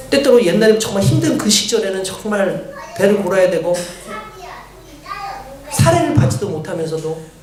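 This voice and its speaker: A male pastor preaching a sermon in an animated storytelling manner, often asking the congregation questions. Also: high voice, reverberant, a little hiss or hum.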